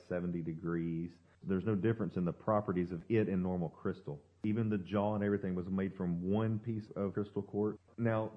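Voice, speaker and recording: A man co-hosting a podcast, explaining things in a casual, rambling conversational way. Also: sits low. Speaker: podcast co-host. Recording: slightly dull lo-fi podcast audio.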